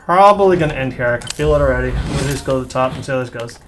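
A man's voice: mid-range voice, rapid-fire, noisy background. A man vlogging and commenting on his own gameplay in a casual, self-mocking way, reacting aloud as he plays. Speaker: YouTube creator.

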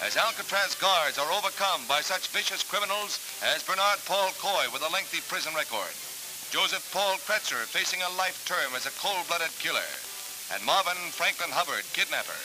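A man's voice: high voice, expressive, normal speed, low-quality recording. A man narrating an old 1940s newsreel with a dramatic, punchy announcer delivery. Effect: old 1940s newsreel sound. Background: music.

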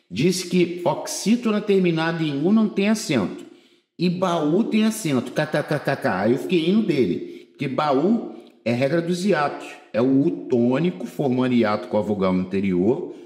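A man's voice: mid-range voice, a little mellow, reverberant. A Brazilian man giving a casual grammar lesson for exam prep, chatty and informal, drawing out words as he goes. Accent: Brazilian Portuguese.

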